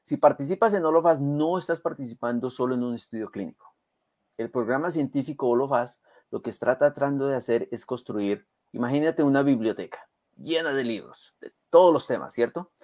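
His mid-range, darkish voice comes at a fairly quick pace with no room sound. A native Spanish speaker and community health program advocate, he speaks as an interview guest in an emphatic, conversational way, leaning on rhetorical check questions.

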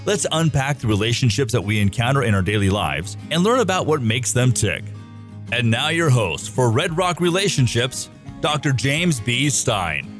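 A man reading a scripted podcast intro as announcer, in a lively announcer's delivery. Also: mid-range voice, normal speed. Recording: guitar music behind.

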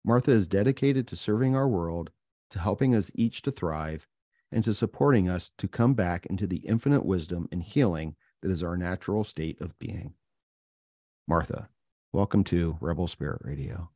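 A male podcast host interviewing a guest, speaking in an earnest, slow and deliberate way. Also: sits low, dark tone, no room sound, clean studio sound.

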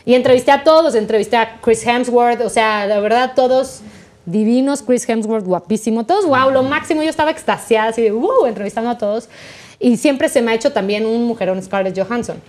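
A young adult Mexican woman, a podcast guest, telling a story in a chatty, animated way. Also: a little high, fairly quick. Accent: Mexican Spanish. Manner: chatty, animated, acts out quoted voices.

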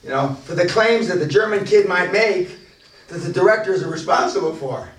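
Brisk and expressive with a high voice, this man runs an unscripted business seminar, boasting bluntly, swearing freely and often restarting sentences. The distant mic picks up the echo of the big seminar room.

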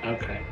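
A man's voice: fairly high pitch, creaky, reverberant. Man on a call with audio cutting out. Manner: hesitant, self-correcting. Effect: online audio cutting out, uneven volume. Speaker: tabletop game player. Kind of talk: casual game chat. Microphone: online voice call.

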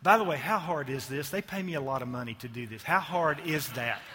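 A man's voice: on the high side, fairly quick, bright, forceful tone, breathy edge. Joking man on a big hall stage. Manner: joking, self-mocking asides. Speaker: ad agency executive giving a keynote. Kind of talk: conference keynote talk.

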